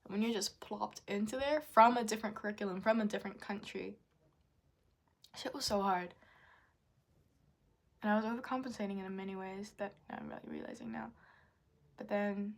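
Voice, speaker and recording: Her medium-pitched voice is creaky and steady in tone, and she speaks at a moderate pace while pausing often. This young adult, Japanese and raised in Indonesia and New Zealand, vlogs candidly and confessionally about her life. She rambles frankly, using fillers and occasional mild swearing.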